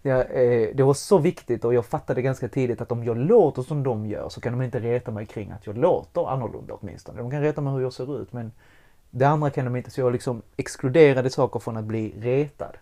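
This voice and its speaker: Candid, swearing man telling a story. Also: mid-range voice. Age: adult with young child. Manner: candid, swears freely, animated, acts out quotes. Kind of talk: personal storytelling in conversation.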